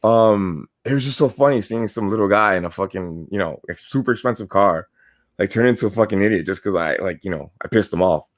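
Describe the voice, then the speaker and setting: A man's voice: fairly low pitch, brisk. A man telling rambling, profanity-laced stories in a casual podcast chat. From New York. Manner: profane, rambling, animated storyteller. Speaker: podcast co-host.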